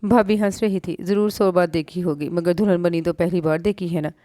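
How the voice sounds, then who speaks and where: A woman with a Pakistani Urdu accent narrates a romance novel in a lowish voice, reading every character herself. She raises her pitch when the characters speak. The recording is dry and close, with no room sound. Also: fairly even intonation, fairly quick, dark tone, dry recording. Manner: reads all characters in her own voice, lifting pitch for dialogue.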